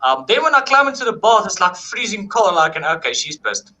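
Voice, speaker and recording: A man telling a paranormal story in a casual, animated way, acting out quoted dialogue and swearing freely. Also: high-pitched, a little fast, rough recording.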